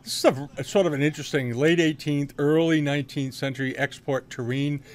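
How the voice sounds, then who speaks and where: A man's voice: on the high side, steady tone, a little fast. An older man casually commenting on auction results over a screen share, rambling with many fillers and restarts, recorded on a webcam indoors. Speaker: antiques dealer reviewing auctions.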